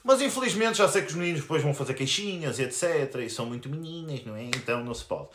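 A man's voice: a little high, animated, racing, a bit bright, slight background noise. Angry young man in a roomy echo. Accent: European Portuguese. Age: 20s. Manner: angry, crude, confrontational. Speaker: YouTuber. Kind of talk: live stream rant.

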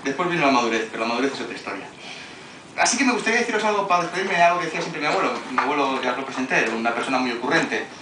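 A man performing a stand-up comedy monologue, telling jokes with a lively delivery and bursts of shouted impressions. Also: medium pitch, racing, noisy background. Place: stage with a laughing audience. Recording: echoey live room from a distance, loud ambience.

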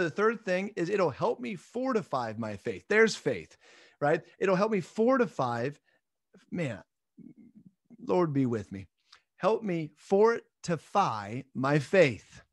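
A man's voice: on the high side, no room sound, studio quality. A man in his thirties giving a recorded midweek Bible lesson from a small room at home, speaking earnestly and encouragingly and laughing off his own slips. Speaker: church minister.

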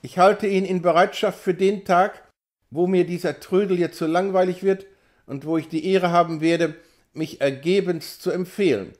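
A man's voice: high-pitched, steady tone, moderate pace, lightly acted. A man reading an audiobook, voicing a brash, cynical young male patient with a nonchalant, mocking drawl. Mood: coolly mocking.

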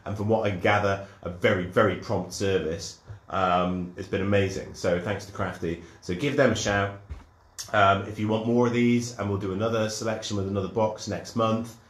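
A man's voice: lowish voice, steady tone, moderate pace, roomy sound. Chatty man hosting a live cider tasting. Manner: enthusiastic, lots of ums and restarts, greets viewers.

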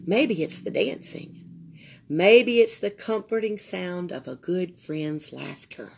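An older woman tells a children's picture book story at a library table, reading expressively as the storyteller and pausing to talk with her young audience. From Alabama, she has a Southern US accent and a lowish, slightly raspy voice, and a little background noise can be heard.

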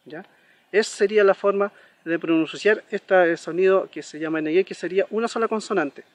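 A man giving a pronunciation lesson, slowly repeating each example word and checking in with "¿ya?" often. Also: sits high, dry recording. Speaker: language teacher.

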